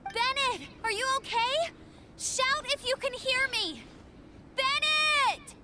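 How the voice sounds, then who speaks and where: A woman voicing an energetic, caring young female scout in a video game. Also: extremely high pitch, measured pace, heavy background noise. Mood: concerned. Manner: lively and concerned for others. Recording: game cutscene with music score. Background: game music.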